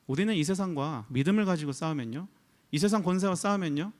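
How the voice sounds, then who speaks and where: A man's voice: on the high side, fast. A male pastor, likely in his thirties, giving a conversational sermon full of rhetorical questions. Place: church.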